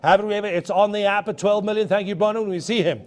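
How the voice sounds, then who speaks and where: High-pitched man calling auction bids. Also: fairly even intonation. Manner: rapid repetitive auction chant with emphatic calls. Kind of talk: live auction bid calling and lot presenting. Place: auction studio with bidders on the floor.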